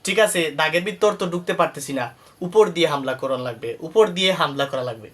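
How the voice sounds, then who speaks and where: A furious chief sorcerer plots his next attack in a frustrated, scheming voice, as a male preacher puts him on. The voice sits fairly high. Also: brisk, a bit bright, far from the mic, close to an everyday voice.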